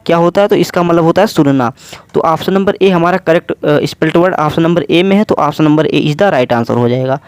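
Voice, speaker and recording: A man with a slightly high voice explains exam questions one option at a time. He keeps asking questions and answering them himself. The recording is dry and close, with no room sound. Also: brisk, a little mellow, clean tone, no echo. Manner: repetitive question-and-answer explaining, addresses listeners as friends. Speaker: exam prep teacher.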